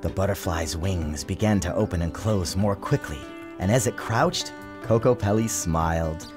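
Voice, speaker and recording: An author reads his storybook in a theatrical, expressive scripted narration at a moderate pace, with music playing underneath. His voice sits low.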